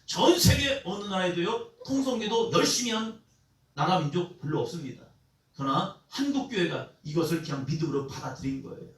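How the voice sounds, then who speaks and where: A young male pastor preaching a Sunday sermon with call-and-response, building up to shouted cries. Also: high voice, animated, a little fast, faint music behind. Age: young adult. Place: church sanctuary. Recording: echoey church hall, mic at a distance.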